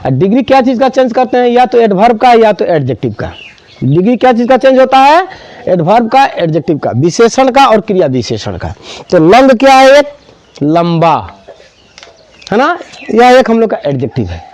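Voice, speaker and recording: A man with a high, very animated voice teaches a grammar class. He explains step by step and slows down to repeat key words. The sound is dry and close. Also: no room sound.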